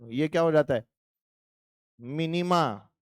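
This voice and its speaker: A male physics teacher lectures in a classroom with a high, lively voice. He jokes with and teases his students as he explains. The sound is crisp and dry, with almost no room echo. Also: takes it slowly. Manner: playful, chatty, teasing students.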